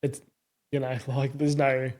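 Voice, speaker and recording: A man's voice: medium pitch, monotone, measured pace, a little mellow. A man with a broad Australian accent chatting casually, in a laid-back, colloquial and self-deprecating way. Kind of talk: casual car chat.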